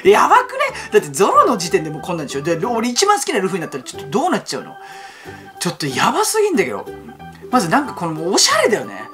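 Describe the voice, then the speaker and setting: An excitable man hosts his fan channel, pouring out reaction commentary at a breakneck pace. His voice swings widely up and down as he gets carried away. Music plays clearly under his talk. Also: high-pitched. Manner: excitable, rapid-fire talking. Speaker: YouTube fan channel host.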